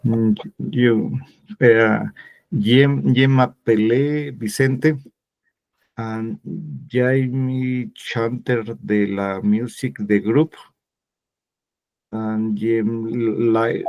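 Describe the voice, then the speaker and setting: A man taking part as a student in an online language class, speaking haltingly and hesitantly over a video call. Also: medium pitch, fairly even intonation, a little mellow.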